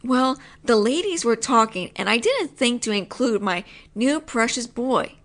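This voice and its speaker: Playing a roommate who is both teasing and possessive, a young woman performs an intimate audio roleplay with low, drawn-out speech that occasionally sinks to a whisper. Her intonation is lively, her pace measured, and her tone a bit bright.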